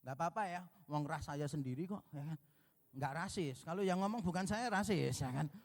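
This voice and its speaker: A man's voice: on the high side, moderate pace, gravelly. A man from Indonesia preaching a sermon to a congregation, telling stories, acting out dialogue and joking with the crowd. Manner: storytelling, acts out dialogue, jokes with congregation. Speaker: pastor. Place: large church hall. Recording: long church reverb.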